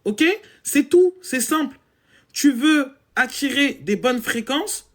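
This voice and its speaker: Woman with a low voice, blunt and mocking, casual monologue to listeners, mixes in English. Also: expressive, slow. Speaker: women's coach.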